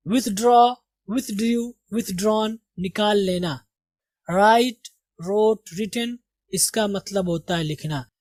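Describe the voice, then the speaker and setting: A woman's voice: medium pitch, darkish tone, no echo. Lady teacher going over english words one by one, asks and answers herself, dry mic. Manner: slow, deliberate pronunciation drills with quiz questions. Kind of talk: vocabulary lesson.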